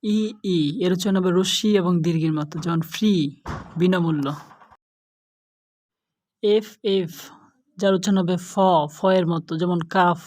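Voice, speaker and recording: A young woman teaching an English lesson, going through letter pairs slowly and carefully. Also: lowish voice, steady tone, darkish tone. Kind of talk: slow spoken lesson.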